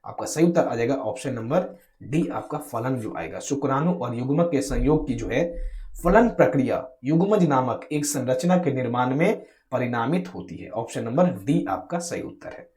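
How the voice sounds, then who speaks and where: A man leads an exam-preparation lesson in a coaching tone, talking straight to his viewers. He poses a question, then answers it himself, going over the same point several times. His voice sits at an ordinary middle pitch. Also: a little mellow. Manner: repetitive, keeps asking rhetorical questions then answering; addresses viewers directly in a coaching tone.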